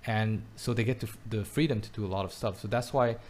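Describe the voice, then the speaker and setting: A man raised in Belgium and now living in Taiwan chats casually from his home in a lowish, slightly mellow voice at a quick pace. He's hesitant, often restarting his words and repeating himself.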